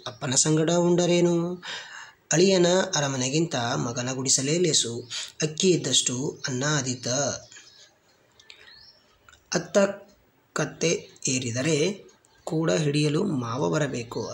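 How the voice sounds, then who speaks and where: A man's voice: on the high side, a little hiss or hum. A man teaching, reading a long list of proverbs aloud for students preparing for an exam, and repeating lines to correct his slips.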